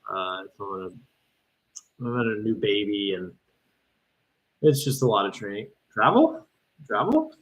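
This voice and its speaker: A man, casually reacting live to a game and chatting with viewers, bursting into loud exclamations. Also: lowish voice, moderate pace, long pauses. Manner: excitable, exclaims loudly at plays then chats calmly with viewers. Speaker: livestream host reacting to an ultimate frisbee game. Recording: dull lo-fi stream audio.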